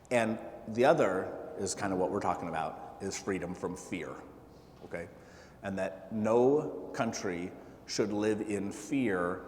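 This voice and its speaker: A political candidate with a fairly low voice addresses a group at a town hall, halting often with fillers and restarts. His speech echoes through the hall with a long reverb tail, and faint hiss sits beneath the recording.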